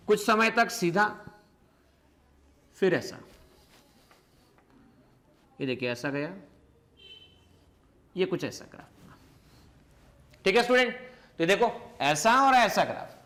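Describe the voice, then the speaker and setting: A man teaching physics in a recorded lesson. He asks questions and answers them himself, repeats key phrases, stretches words out slowly and mixes English terms into his explanation. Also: high voice, pushed and bright.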